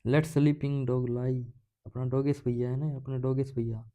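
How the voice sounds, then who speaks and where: A man's voice: mid-range voice, little pitch movement, a little slow, mellow. A man teaching English idioms in a casual lecture. He asks his own questions and answers them, with playful jokes along the way. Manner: explains by asking questions and answering them himself; jokey, playful asides while explaining.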